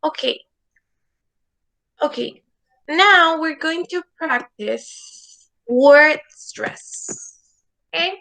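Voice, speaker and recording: Woman teacher, bright voice, online class, patient, keeps asking okay. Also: high voice, extremely slow, long pauses, poor audio. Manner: patient, repeats words and asks "okay?" often. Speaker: English teacher.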